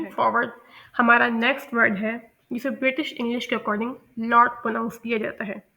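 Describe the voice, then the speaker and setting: Pakistani woman, English pronunciation tutor, clear bright tone, slightly high, patient and repetitive delivery. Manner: patient, repeats and corrects herself. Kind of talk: explanatory lesson, mixing Hindi-Urdu with English.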